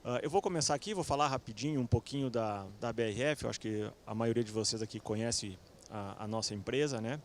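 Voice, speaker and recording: Relaxed man presenting on a stage. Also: medium pitch, brisk, a little hiss or hum. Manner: relaxed, fillers like "né", self-correcting. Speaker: company executive panelist. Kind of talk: conference presentation. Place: event stage with audience.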